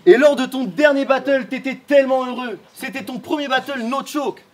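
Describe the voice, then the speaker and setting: High-voiced man mocking in a rap battle. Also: moderate pace, a little hiss or hum. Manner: mocking, punchline-heavy delivery. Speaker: battle rapper. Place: live event before a crowd.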